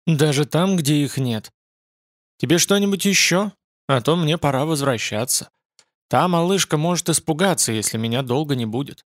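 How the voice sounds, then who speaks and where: A man voicing a proud, gruff young loner with a dark reputation, speaking bluntly and dismissively. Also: a little high, animated, normal speed, no room sound, studio quality, natural voice.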